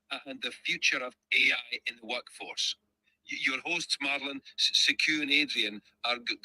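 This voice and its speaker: Bright upbeat AI-generated male voice. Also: medium pitch, dry recording, poor audio. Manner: upbeat, announcer-like delivery. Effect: synthetic AI voice. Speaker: AI voice assistant reading a podcast outro. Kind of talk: scripted outro read aloud.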